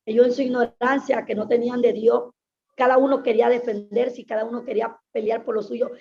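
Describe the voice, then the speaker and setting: Lady pastor telling her testimony, kinda high and gravelly, dull lo-fi sound. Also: little pitch movement, brisk, dark tone. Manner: earnest, emphatic, repeats phrases. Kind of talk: personal testimony in an interview.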